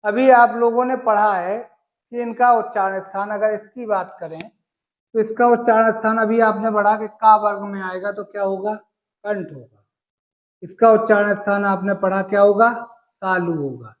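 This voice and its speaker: A man's voice: high-pitched, fairly even intonation, a little slow, echoey room, poor audio. A male Sanskrit teacher from gives an exam-prep lesson, using homely examples and asking and answering his own questions.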